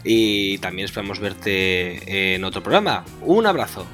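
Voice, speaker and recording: A man's voice: low voice, lively intonation, a little slow, a bit bright, faint music behind. A man hosting a casual gaming podcast, joking and swearing with friends. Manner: crude, joking, laughs often. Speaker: podcast host. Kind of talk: casual banter.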